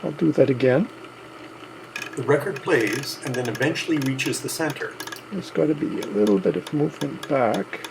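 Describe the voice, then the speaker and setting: Against background noise, a gravel-voiced man narrates a hands-on repair in plain, methodical fashion as host of a hobby video. His voice is mid-range, and he talks at a normal speed.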